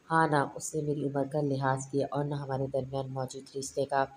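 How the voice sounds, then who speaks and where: A stern older man of the house, boiling with anger and spitting out threats through clenched teeth, as a woman reads him in a storybook. The voice sits extremely low and flat, and dark in tone. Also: fairly quick, a little hiss or hum. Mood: seething anger. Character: furious stern older man, head of family.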